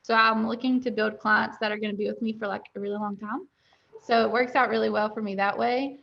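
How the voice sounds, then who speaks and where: A woman's voice: a little high, fairly even intonation, fairly quick, creaky. Chatty young woman on a dull call. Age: young adult. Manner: candid, chatty, laughs easily. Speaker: dental lab owner and guest. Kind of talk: webinar interview.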